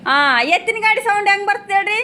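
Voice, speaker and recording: High-voiced teacher quizzing small kids. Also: female voice, little pitch movement, fast. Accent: North Karnataka Kannada. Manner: coaxing, keeps asking children questions and calling them by name. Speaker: preschool teacher. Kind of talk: classroom questioning of small children. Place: village preschool classroom. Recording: noisy classroom recording.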